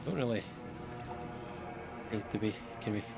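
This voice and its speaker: Over background music, another gameplay streamer talks to himself in a low, unhurried voice with vocal fry. His live commentary is jokey, sarcastic and meandering.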